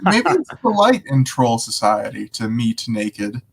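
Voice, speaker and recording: A man with a middle-pitched voice speaks as a tabletop player. He narrates his character casually and deliberately, building each action piece by piece. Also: big pitch swings, creaky, husky.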